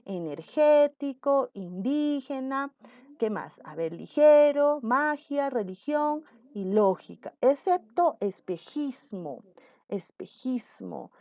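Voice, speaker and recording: Patient woman teacher, slow and lively in pitch, recorded dry on a phone-like line. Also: dry recording. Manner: patient, repeats example words slowly. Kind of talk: spelling lesson.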